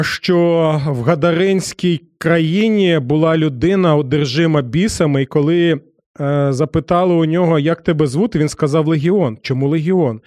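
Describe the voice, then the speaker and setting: A man with a fairly high voice gives a Bible teaching, putting rhetorical questions to his listeners and briefly acting out quoted lines. The recording is close and dry. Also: darkish tone, no room sound. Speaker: preacher.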